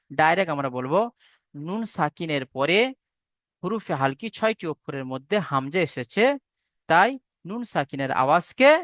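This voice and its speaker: A man's voice: on the high side, sharp tone, no echo, clean studio sound. A man teaching Quran recitation in an online class, patiently repeating and spelling out syllables. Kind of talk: online tajweed class lecture.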